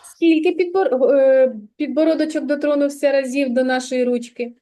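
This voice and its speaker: A woman's voice: sits high, steady tone, normal speed, warm tone. A woman kindergarten teacher giving a child a one-on-one literacy lesson, patiently drawing out and stressing sounds and words.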